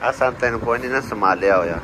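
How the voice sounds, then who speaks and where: A man's voice: lowish voice, quick pace. A man vlogging outdoors, talking to his wife in a lecturing way and asking again and again if she understood. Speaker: vlogger husband. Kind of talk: casual family vlog talk. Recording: noisy outdoor recording with wind.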